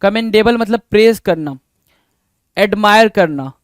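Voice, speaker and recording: High-voiced male teacher drilling words. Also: expressive, a little slow, no echo. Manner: rhetorical questions to students, repeats words. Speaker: vocabulary teacher. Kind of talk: exam-prep vocabulary lesson.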